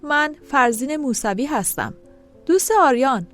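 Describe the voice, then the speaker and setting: Brief: woman reading a pushy adult man caller in an audio story, firm and pressing, fairly high and lively, soft music behind. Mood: insistent. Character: blunt insistent adult man on the phone.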